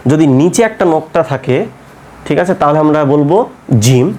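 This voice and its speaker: A man's voice: fairly high pitch, mellow. Patient male teacher drilling letter sounds. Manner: repeats letter sounds slowly and often asks "right?". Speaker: Quran teacher. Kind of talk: step-by-step pronunciation lesson.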